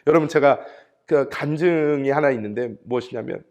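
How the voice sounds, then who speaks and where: A middle-aged pastor with a medium-pitched voice preaches at a moderate pace in a church sanctuary. He tells stories in an animated way and acts out the voices of the people in them.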